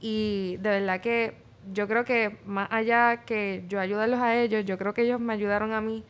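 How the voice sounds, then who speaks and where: A woman's voice: mid-range voice, normal speed, clean tone. A woman with a Puerto Rican accent answering in an interview, mixing English words into her Spanish and acting out quoted dialogue as she tells stories. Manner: animated storytelling, acts out quoted dialogue. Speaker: pageant contestant interviewee.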